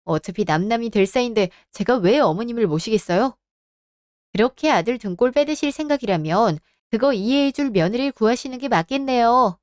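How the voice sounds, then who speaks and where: A woman's voice: a little high, animated, fairly quick, darkish tone, dry recording, clean studio sound. A woman in her thirties who narrates and plays a composed, cutting wife in a radio drama. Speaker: narrator and lead of a story drama.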